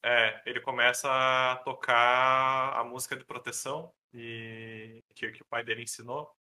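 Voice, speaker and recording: A man with a very bright, forward voice talks through a book chapter with friends. He is animated and jumps into quoting the characters. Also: medium pitch, a little slow. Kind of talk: casual book discussion.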